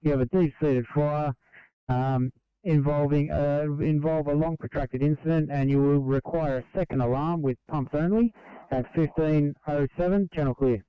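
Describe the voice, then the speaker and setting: A man's voice: on the high side, fairly even intonation, normal speed, clean tone, no echo. A man working as a fire dispatcher, formally repeating messages back over two-way radio. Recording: dry, muffled radio dispatch audio.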